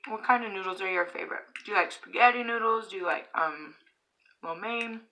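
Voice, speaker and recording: A woman's voice: medium pitch, brisk, vocal fry, pushed and bright, slight background noise, poor audio. A middle-aged woman casually telling stories while eating in her bedroom, chatty, with frequent chuckles and fillers. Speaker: mukbang vlogger.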